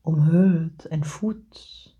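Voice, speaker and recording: Slow, dark-toned woman guiding meditation. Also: low-pitched, husky, muffled recording. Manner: slow soothing delivery, often whispered. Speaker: meditation guide. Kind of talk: guided meditation.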